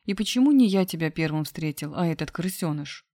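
A woman's voice: deep voice, lively intonation, a little fast, mellow, dry recording, clean studio sound. A woman reading aloud, voicing a joking, mocking man of about thirty. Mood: mock-sighing. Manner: jokey and mocking. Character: joking playboy brother, man around thirty. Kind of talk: audiobook character voice.

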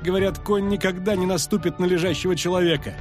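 A man voicing a panicky young male poet who shouts in a frantic, shrill voice. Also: fairly even intonation, quick pace, faint music behind, close to an everyday voice. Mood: alarmed.

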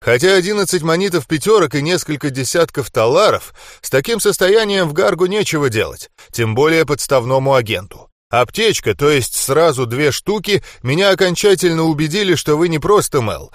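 A man's voice: a little high, expressive, normal speed, few pauses, no echo, studio quality, close to an everyday voice. A man voicing a blunt, talkative middle-aged rebel stonemason. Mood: boasting.

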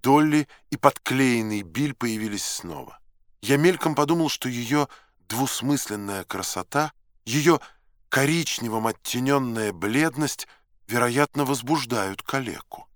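A man reading a novel aloud as a first-person narrator, in a measured, dramatic and ironic manner. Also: mid-range voice, animated, dry recording, clean studio sound. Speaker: audiobook narrator.

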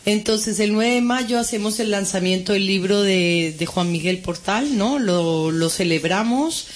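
A woman's voice: mid-range voice, unhurried. A woman from Colombia, a theatre guest explaining things at length in a radio interview.

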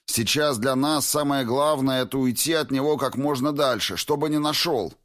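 A man voicing a rough male fighter in an audiobook, blunt and given to swearing. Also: lowish voice, lively intonation, normal speed, no echo, clean studio sound, lightly acted. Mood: agitated.

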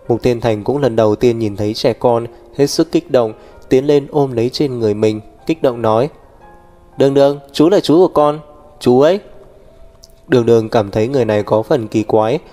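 Mellow male storyteller. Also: medium pitch. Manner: steady, even reading. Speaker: audiobook narrator. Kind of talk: storytelling narration. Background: faint music.

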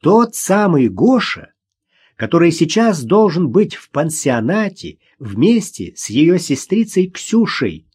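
A man narrating a novel as an audiobook in a dramatic, expressive reading. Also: fairly high pitch, slow pace, breathy edge.

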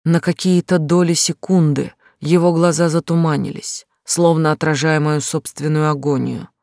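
A woman narrating a first-person romance novel as an audiobook, slow, emotional and pained. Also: low voice, fairly even intonation, darkish tone, no echo, studio quality.

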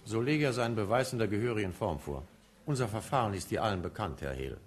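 An actor playing a stern, haughty colonial judge who interrogates in a declamatory manner in a 1950s German radio play. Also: male voice, fairly low pitch, animated, quick pace, a little hiss or hum, lightly acted. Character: stern, imperious colonial judge, proud of his power.

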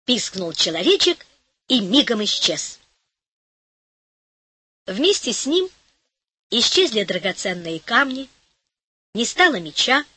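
A woman narrating a fairy tale audiobook with an even storytelling delivery and lively emphasis. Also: on the high side, dry recording.

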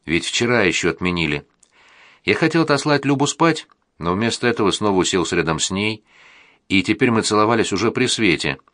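A man narrating a first-person audiobook in a plain, even reading manner. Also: deep voice, no room sound, studio quality.

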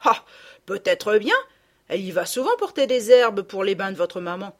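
A woman's voice: medium pitch, lively intonation, normal speed, lightly acted. A woman voicing a middle-aged peasant gardener woman who scolds and gossips in blunt rustic speech, read as an audiobook character. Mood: gossiping.

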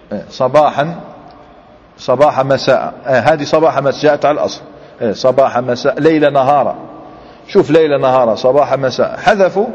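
A man teaching a grammar lesson, explaining step by step and quizzing his students with quick questions. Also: fairly high pitch, a little mellow. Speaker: Islamic scholar teaching Arabic grammar. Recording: dull lo-fi recording with long hall reverb.

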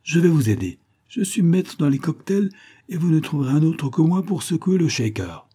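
A man voicing an exuberant young American man, loud and excitable. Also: medium pitch, normal speed, breathy edge.

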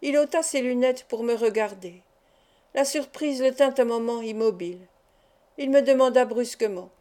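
A woman reads a fantastic tale aloud in a measured, even storytelling manner. Her voice sits a touch high, with a soft, mellow tone. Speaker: audiobook reader. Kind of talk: scripted narration of a fantastic tale.

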